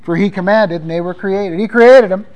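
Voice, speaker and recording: High-voiced male pastor preaching. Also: normal speed, a little mellow, clean tone, low-quality recording. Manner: conversational preaching, reading scripture aloud with emphasis. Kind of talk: sermon.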